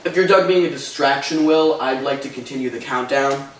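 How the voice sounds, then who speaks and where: A teenage boy hosting a school history countdown, casual and brisk. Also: mid-range voice, a bit bright, slight background noise. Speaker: host. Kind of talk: school video countdown presentation. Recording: echoey room, mic far off.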